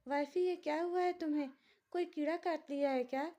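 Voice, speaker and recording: A woman's voice: high-pitched, steady tone, brisk, warm tone, pitched above the performer's own voice, lightly acted. Woman voicing a childlike, innocent young husband for a storybook: raised, whiny voice, easily frightened. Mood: tearful.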